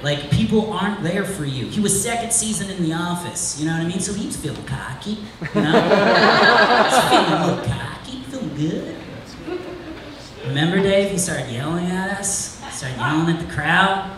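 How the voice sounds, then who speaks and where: A man doing live stand-up storytelling, animated and laughing as he tells the story and calls out to his brother in the crowd. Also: high voice, normal speed. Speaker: stand-up comedian. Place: live comedy venue. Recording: echoey room, distant, loud ambient noise.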